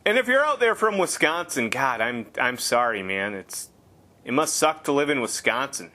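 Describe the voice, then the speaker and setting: A man's voice: fairly high pitch, fairly bright tone. A man giving casual gameplay commentary, rambling and sarcastic with heavy swearing.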